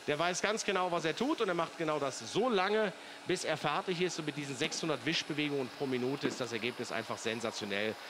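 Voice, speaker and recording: Slightly high-voiced man demonstrating products, infomercial style. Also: fast talker, background noise. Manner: chatty, persuasive, addresses viewers with questions. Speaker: teleshopping product presenter.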